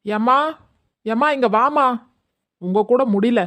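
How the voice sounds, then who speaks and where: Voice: mid-range voice, takes it slowly, fairly bright tone. A performer playing a harried husband caught between his wife and his mother in a comedy skit, pleading and placating. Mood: exasperated.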